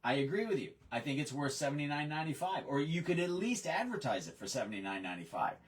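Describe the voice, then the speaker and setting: A man's voice: on the high side, quick pace, recorded from a distance, rough recording. A man giving a sales training talk, telling stories and acting out what customers and trainees said. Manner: animated storyteller, acts out customer and trainee quotes.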